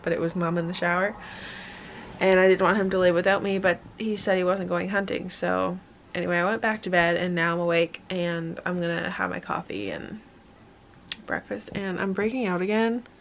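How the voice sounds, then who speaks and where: Young woman vlogger, gravelly, chatty and unscripted, quiet hiss behind. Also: lowish voice, normal speed, lo-fi sound. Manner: rambling, filler-heavy, candid. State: out of breath. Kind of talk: casual vlog chat. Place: hunting blind outdoors; home indoors.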